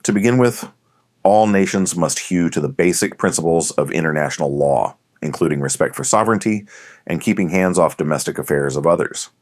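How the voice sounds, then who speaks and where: A man narrating an audiobook in a measured, deliberate reading. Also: sits low, lively intonation, no echo, clean studio sound. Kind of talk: scripted narration.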